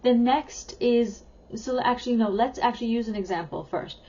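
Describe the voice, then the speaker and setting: Upbeat woman educator, slightly high, mellow tone, dull lo-fi sound. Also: normal speed. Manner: upbeat, chatty, leans on key words. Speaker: parenting educator. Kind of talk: talking-head teaching video.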